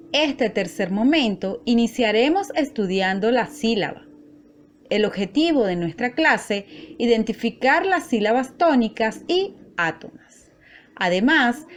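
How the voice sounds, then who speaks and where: Slow-spoken woman teaching, lively pitch. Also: a little hiss or hum. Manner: slow, careful, spelling out syllables. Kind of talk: recorded classroom lesson.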